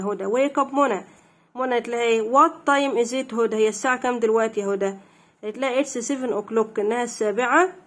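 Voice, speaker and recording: A young woman with an Egyptian Arabic accent teaching an English lesson, reading each line slowly and then explaining it, and asking questions that she answers herself. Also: mid-range voice. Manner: reads English lines slowly and clearly, then translates.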